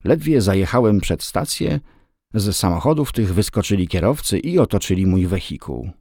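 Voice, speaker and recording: A man giving a steady, measured scripted audiobook narration. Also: fairly low pitch, creaky, no room sound, studio quality.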